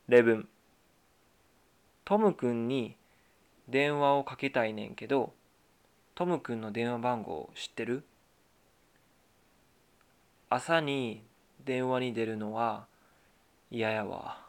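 A man teaching a Japanese lesson, speaking in a careful, deliberate way. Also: medium pitch, clear, resonant tone. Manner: slow, careful, deliberate delivery. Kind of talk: scripted language lesson.

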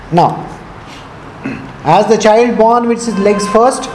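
High-voiced South Indian man teaching. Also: a little mellow. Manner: didactic, conversational, often checking understanding with questions; switches between English and Hindi. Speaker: spiritual teacher. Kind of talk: informal spiritual discourse. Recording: echoey room with faint noise.

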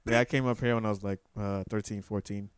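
A man, chatting loosely on a podcast, slangy and profane. His voice sits fairly low and sounds smooth and clean. The recording is close and dry, with no room sound. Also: fairly even intonation, fast, no room sound. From Trinidad. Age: 30s. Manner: laid-back, slangy, profane, laughs often. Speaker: podcast co-host. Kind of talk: casual chat.

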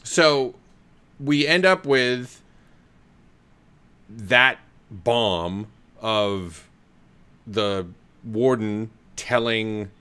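A man's voice: lowish voice, drawn-out words, pauses often, sharp tone, clean tone. A man co-hosting a podcast in casual chat, laid-back, with short agreeing replies and dry asides. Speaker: podcast co-host. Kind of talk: casual chat about a TV episode.

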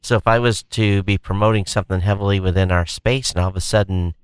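A man's voice: sits low, fairly even intonation, fast talker, clear, resonant tone, no room sound. A man co-hosting a podcast in casual chat, talking in a hesitant way with many restarts. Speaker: podcast co-host.

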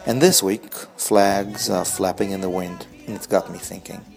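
Man, 40s, low pitch, gravelly edge, wry reflective storytelling, scripted essay narration. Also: steady tone, normal speed, over music. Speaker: blog host.

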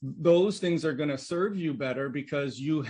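Higher-voiced male podcast host. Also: normal speed, a little mellow. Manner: thinks aloud in long winding explanations. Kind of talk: casual conversational interview.

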